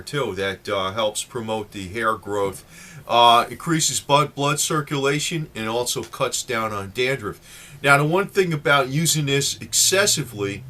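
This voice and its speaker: Man, late fifties, bright voice, casual rambling talk, lots of fillers. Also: medium pitch. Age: 50s. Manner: rambling, chatty, many fillers. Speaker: vlogger.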